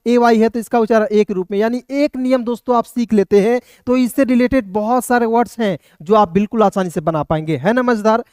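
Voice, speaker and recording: A man teaches an online English reading class, taking each word apart letter by letter and checking in with his viewers as friends. His voice is smooth and clear. The recording is dry, with no room echo. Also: very high-pitched, darkish tone. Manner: spells words letter by letter, often calls listeners friends.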